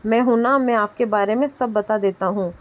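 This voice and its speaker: A woman reading the lines of a caring, protective young husband in a storybook tale, gentle with a light scolding edge. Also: on the high side, normal speed, lightly acted. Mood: tender.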